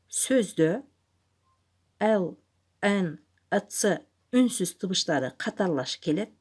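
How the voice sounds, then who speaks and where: A woman primary school teacher dictating to young pupils in a deliberate, instructive way, enunciating and repeating each word. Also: on the low side.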